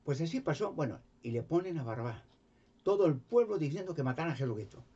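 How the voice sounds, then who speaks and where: A man telling a Bible story in a casual, halting way, often repeating words and restarting, and raising his voice to act out the characters. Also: lively intonation, mellow, breathy edge. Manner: acts out the characters' lines with raised pitch. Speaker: religious commentator. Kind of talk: informal retelling of a Bible story. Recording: dull lo-fi recording.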